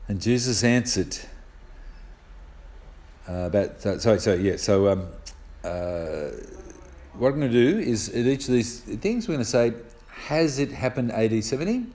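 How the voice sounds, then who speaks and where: A man's voice: mid-range voice, animated, normal speed, long pauses, warm tone. Older Australian man preaching conversationally. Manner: conversational, explains step by step with personal anecdotes. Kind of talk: sermon teaching on scripture.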